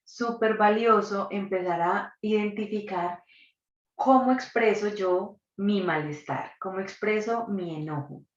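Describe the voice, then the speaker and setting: A woman's voice: medium pitch, unhurried. A woman, a psychologist and doula, leading a live online workshop and asking the audience reflective questions. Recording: distant, dull, roomy recording.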